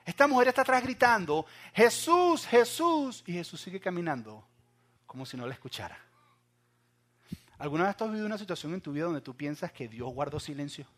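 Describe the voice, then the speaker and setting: A young man preaching a sermon, swinging from loud acted cries to hushed asides and talking straight to his listeners. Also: fairly high pitch, very animated, fast. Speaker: pastor.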